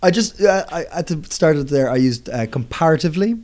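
A man's voice: fairly high pitch, lively intonation, a little fast, darkish tone. A young man co-hosting a podcast that teaches English through casual chat. He rambles, corrects himself mid-sentence and laughs often. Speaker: podcast co-host.

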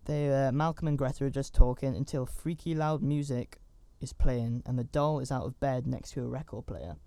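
A man's voice: medium pitch, moderate pace, vocal fry, warm tone, clean tone, no room sound. A man giving a casual, rambling recap of a horror movie, with chatty asides and fillers. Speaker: film reviewer.

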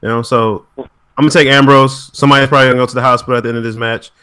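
A man co-hosts a casual podcast with a bright, forceful voice. He gives short answers and laughs easily. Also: medium pitch, level tone, racing, clear, resonant tone. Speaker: podcast co-host. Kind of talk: casual chat.

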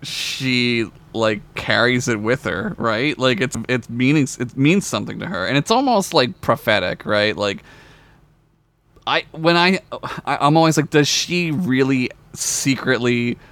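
A man co-hosting a casual fan discussion, speaking enthusiastically with halting phrasing and swearing. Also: medium pitch, expressive, fairly bright tone. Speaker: podcast co-host. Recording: clearly audible background noise.

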